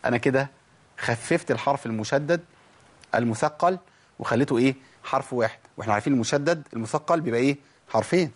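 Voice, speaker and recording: A man with an Egyptian Arabic accent teaching Quran pronunciation. He asks himself rhetorical questions and demonstrates sounds slowly, repeating them over and over. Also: medium pitch. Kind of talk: tajweed lesson.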